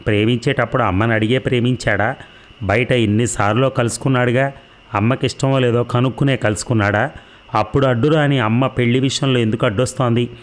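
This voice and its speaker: A man narrating a novel in a steady storytelling manner. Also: mid-range voice, brisk. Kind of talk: audiobook novel reading.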